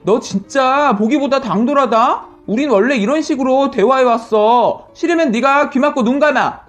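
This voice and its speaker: A woman's voice: high-pitched, normal speed, soft background music, lightly acted. A woman doing a bossy, taunting sister-in-law. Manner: sharp and taunting. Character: bossy, rude eldest sister-in-law, middle-aged woman.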